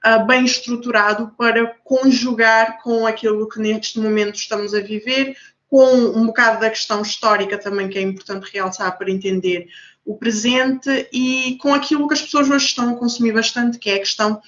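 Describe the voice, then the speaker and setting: A woman moderating an online panel debate in a measured, thoughtful way. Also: fairly high pitch, steady tone, a bit bright, lo-fi sound.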